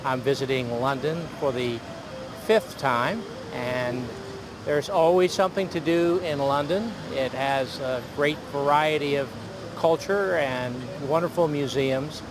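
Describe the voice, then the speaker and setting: A man from South Carolina, a visiting tourist, speaking slowly and haltingly in a short street interview. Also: medium pitch, background noise. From United States, South Carolina. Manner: slow, halting.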